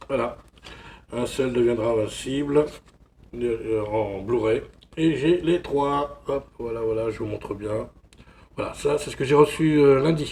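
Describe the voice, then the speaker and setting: Man from France, casual unboxing vlogger, gravelly, rambling, filler-heavy delivery. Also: mid-range voice, a little mellow, a little hiss or hum. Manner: chatty, rambling, constantly saying voilà. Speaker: film collector vlogger.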